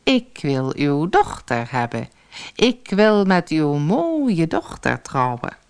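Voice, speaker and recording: A woman voicing an ugly, spiteful male dwarf in a storybook reading, speaking slowly and slyly with a menacing edge. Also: low-pitched, big pitch swings, clear, resonant tone, exaggerated voice. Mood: scheming. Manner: slow, sly and menacing.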